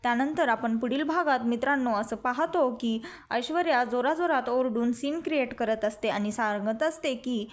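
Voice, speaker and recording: A woman's voice: on the high side, moderate pace. A woman narrating a plain retelling of a TV serial episode, linking the events with simple connecting phrases. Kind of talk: storytelling recap.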